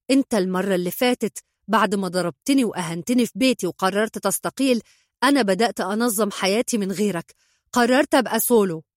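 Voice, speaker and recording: A woman's voice: medium pitch, no echo, clean studio sound, close to an everyday voice. A woman voicing a scornful ex-hitman man. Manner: mocking, scornful, flares into shouting. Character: sarcastic hot-tempered male retired hitman.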